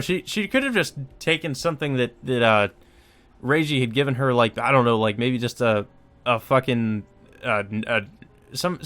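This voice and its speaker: Game music runs under a man whose voice sits on the high side, bright and forceful. As a let's play host, he narrates a visual novel aloud and throws in loose remarks, some with swearing.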